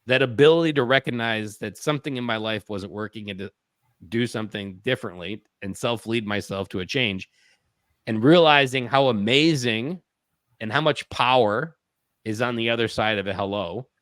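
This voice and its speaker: A man's voice: medium pitch, normal speed, a bit bright, dry recording, studio quality. A man in his thirties, a podcast guest, telling personal stories in an earnest way and acting out his own thoughts. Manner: earnest, acts out his own inner voice in quotes. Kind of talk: reflective storytelling in a podcast interview.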